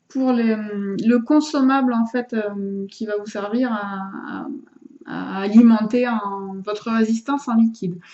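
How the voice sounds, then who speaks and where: A woman with a fairly high voice talks viewers through her gear in a casual demonstration. She hesitates a lot, restarting phrases as she handles objects. The sound is dull and lo-fi, like a camera's own microphone. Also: darkish tone. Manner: hesitant, many fillers and restarts. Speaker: vlogger showing vaping gear.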